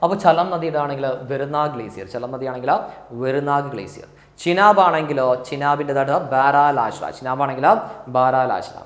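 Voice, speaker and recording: A male teacher with a Malayali accent giving an exam coaching lecture, repeating key answers slowly for drilling. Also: mid-range voice, fairly bright tone, reverberant.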